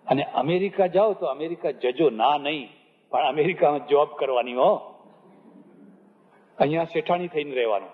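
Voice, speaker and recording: An older Gujarati-accented spiritual teacher giving a storytelling discourse, acting out dialogue with humorous asides. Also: male voice. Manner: acts out dialogue with shifting pitch, humorous asides. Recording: phone-like audio in a reverberant hall.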